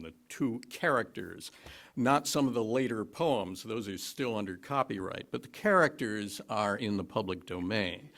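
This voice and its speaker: A man introducing a reading to a congregation, halting at first, then telling the backstory with dry, wry humor. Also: medium pitch, fairly bright tone. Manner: hesitant start, then wry storytelling. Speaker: lay speaker at a worship service.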